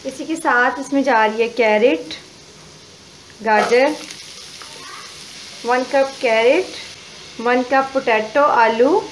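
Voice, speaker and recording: A woman talks through a home recipe step by step. Her delivery is calm, homely and unhurried. Faint kitchen sizzling sits under the voice-over. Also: high-pitched, a little hiss or hum. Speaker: cooking channel host. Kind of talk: casual cooking voice-over.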